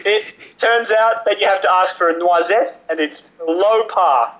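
Male podcast co-host, bright and animated, dull lo-fi audio. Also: sits high, a little slow. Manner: animated, pompous about coffee. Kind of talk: casual banter.

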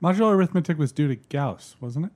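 A man with a slightly high voice that swings widely in pitch. He chats as a podcast guest. His remarks are dry and pedantic. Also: lively intonation, quick pace, a little mellow. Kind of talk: casual panel chat.

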